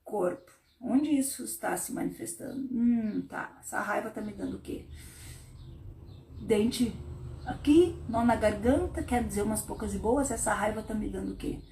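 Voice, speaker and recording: A woman therapist, hosting a casual spiritual live stream, who talks in an animated way and acts out inner voices in a low murmur. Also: normal speed, reverberant, slight background noise.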